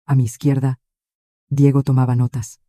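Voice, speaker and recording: A man reading a scripted first-person drama story in a flat, measured way. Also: mid-range voice, no echo, clean studio sound. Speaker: narrator.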